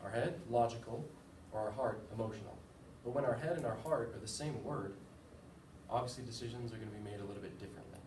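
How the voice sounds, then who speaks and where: Speaking fast at a medium pitch, a young man from the US delivers a laid-back, informative class presentation sprinkled with a few fillers and jokes at his own expense. The room echoes, background noise is audible, and the mic sits far from him.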